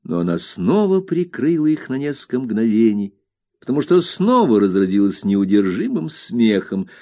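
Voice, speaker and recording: Guy reading an audiobook, lively voice going up and down, expressive. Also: mid-range voice, normal speed. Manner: expressive, animated storytelling. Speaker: audiobook narrator. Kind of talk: scripted narration.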